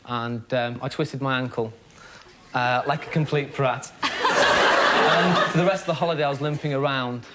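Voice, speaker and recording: A man's voice: medium pitch, moderate pace. Hesitant man contestant. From Wales. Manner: hesitant, self-deprecating, many ums. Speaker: game show contestant. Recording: noisy TV studio recording.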